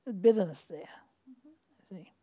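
A woman's voice: mid-range voice, measured pace, mellow. An elderly woman, reminiscing in an interview. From Maine, United States. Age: 80s or older. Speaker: interviewee recalling her wartime life. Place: living room at home, indoors.

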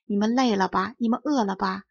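A woman narrator takes on a poor peasant mother who mourns and frets over her children. Her voice is husky with a gravelly edge, plaintive in manner. The recording is dry and dull. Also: mid-range voice, fairly quick, no echo. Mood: tender. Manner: plaintive, lamenting. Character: poor woodcutter's wife, grieving, nagging mother.

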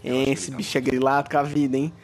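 A young man with a Brazilian Portuguese accent giving slangy let's play commentary, swearing freely and shouting in alarm when startled. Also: medium pitch, little pitch movement, fairly quick, faint music behind. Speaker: gaming YouTuber.

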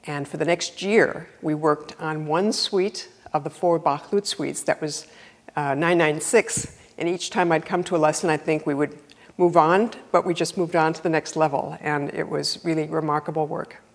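A woman's voice: sits low, fairly even intonation, normal speed, in a large hall. A woman in her fifties, a guitarist and former student, telling affectionate anecdotes in a personal testimonial. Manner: warm storytelling, affectionate.

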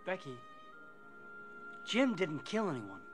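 Earnest, high-voiced young gentleman. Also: huge pitch swings, takes it slowly, faint music behind, exaggerated voice. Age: 20s. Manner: earnest, insistent. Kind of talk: period film drama.

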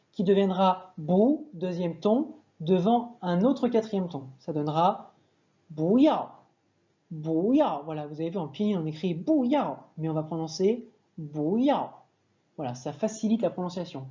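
A woman's voice: medium pitch, warm tone, highs cut off. A woman teaching a language lesson, patiently explaining and demonstrating sounds aloud, sometimes correcting herself mid-sentence.

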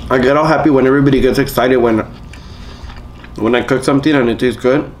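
A man hosting an eating vlog, chatting casually and telling stories with lively quoted voices between bites. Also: medium pitch, fast talker, slight background noise. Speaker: mukbang host.

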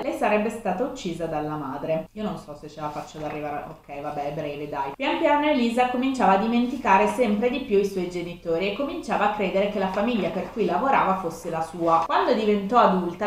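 Woman in her 30s reading her kid stories and roasting them, mid pitch, super echoey room. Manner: self-mocking, breaks off to comment. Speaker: video host. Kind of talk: casual reading with commentary.

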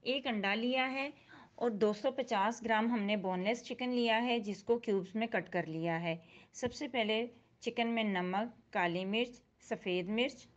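A woman hosting a cooking channel, talking calmly through a recipe step by step in a voice-over. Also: medium pitch, dull audio. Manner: calm step-by-step instruction. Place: voice-over, not recorded in the pictured kitchen.

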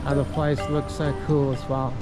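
A man's voice: mid-range voice, flat delivery, moderate pace. A man hosting a walking tour vlog outdoors, chatty, in simple non-native English phrasing. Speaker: vlog host and tour guide. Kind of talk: walking tour narration and casual chat. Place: outdoors on a beach walkway and street. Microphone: handheld action camera, close behind it. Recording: loud music behind outdoor voice.

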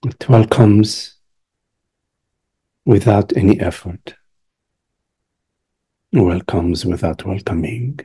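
A meditation teacher guides a session in a very husky, breathy voice that sits on the low side, dark and relaxed in tone. He speaks very slowly and gently, in short hushed phrases separated by long pauses.

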